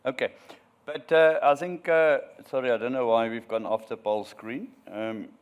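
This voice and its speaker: A man's voice: medium pitch, fairly even intonation, normal speed, clean tone. A man from South Africa running an audience poll at a live panel, teasing and jokey.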